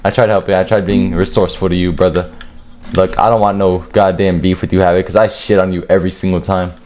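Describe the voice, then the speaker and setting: A young man giving profane, trash-talking commentary while he plays a game, often jumping into high yelps. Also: level tone, quick pace, a little mellow, a little hiss or hum. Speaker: gamer and video creator. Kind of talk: live gameplay commentary.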